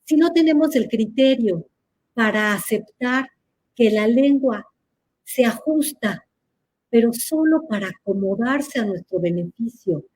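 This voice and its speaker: A woman's voice: a little high, expressive, measured pace, darkish tone, breathy edge. A woman answers audience questions in a live chat, teacherly and playful, laughing at her own examples.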